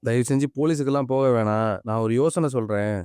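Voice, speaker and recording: A man reading as a calm older peacemaker. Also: medium pitch, fast talker, clean tone, no echo, studio quality, lightly acted. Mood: conciliatory. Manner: conciliatory.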